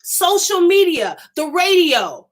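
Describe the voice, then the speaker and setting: High-pitched woman preacher hosting a live stream: fervent, emphatic, repeats lines, stumbles when fired up. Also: takes it slowly. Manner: excited and emphatic, repeats phrases, stammers when worked up.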